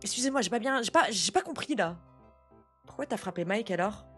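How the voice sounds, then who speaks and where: Une jeune femme qui réagit à des vidéos, commentant avec indignation et beaucoup d'argot. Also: female voice, medium pitch, a little fast, faint music behind. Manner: animated, outraged, slangy. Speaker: reaction video host. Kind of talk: casual reaction commentary.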